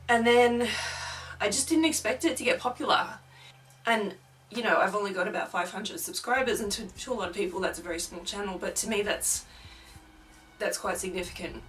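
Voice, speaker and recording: A woman's voice: medium pitch, a bit bright. A young woman chatting casually and rambling in a home vlog, with lots of fillers. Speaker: paranormal YouTuber. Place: home, with a film playing in the next room. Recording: distant mic, faint background noise. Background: faint noise of a film playing in another room.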